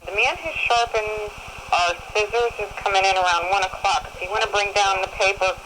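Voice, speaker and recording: A man's voice: sits high, normal speed, bright, forceful tone, a little hiss or hum, rough recording. Man's old answering machine tape message. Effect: played from an old answering machine cassette tape. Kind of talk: recorded phone message.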